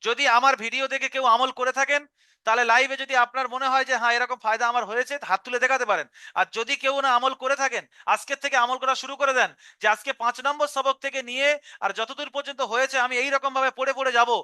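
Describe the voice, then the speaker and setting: High, bright-voiced man teaching a class. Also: fairly even intonation, fast talker, clean tone, no room sound, clean studio sound. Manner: patient, step-by-step explaining, repeats syllables aloud. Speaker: Quran reading teacher. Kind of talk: live online class instruction.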